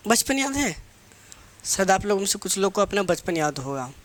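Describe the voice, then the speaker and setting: A man's voice: sits high, very animated, moderate pace, a bit bright. A man teaching English grammar for exam students, asking questions and answering them himself, mixing English phrases into his talk. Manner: asks a question and answers it himself, drilling terms; mixes English phrases into spoken Hindi. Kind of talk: lecturing for competitive exam students.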